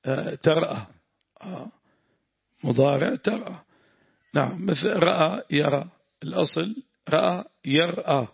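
Sheikh, gravelly husky voice, lesson with prayers, dull lo-fi sound. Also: male voice, on the high side, dry recording. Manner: explains grammar, breaks into prayers. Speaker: sheikh teaching tafsir. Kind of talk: religious lesson with supplications.

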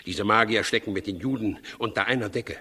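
A man's voice: on the low side, brisk, pushed and bright, husky. An actor playing an imperious, suspicious, easily enraged king in a 1960s radio drama, with a commanding, agitated manner. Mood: brooding, suspicious. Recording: 1960s radio recording, long hall reverb.

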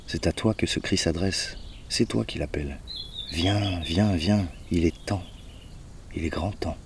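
A man's voice: low-pitched, unhurried, distant mic, a little hiss or hum. A man doing a mournful old soothsayer. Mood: urgent. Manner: lamenting, sad, insistent. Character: mournful old male soothsayer, prophet of doom.

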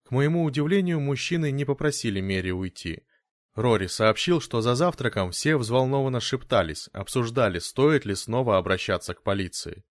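A man reading a novel aloud as a steady audiobook narrator. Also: medium pitch, normal speed, no echo, studio quality. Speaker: audiobook reader. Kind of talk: scripted narration.

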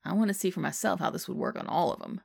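A woman's voice: on the low side, animated, fast, vocal fry, a little mellow, exaggerated voice. A woman reading the lines of a playful middle-aged baker who teases his husband. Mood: teasing.

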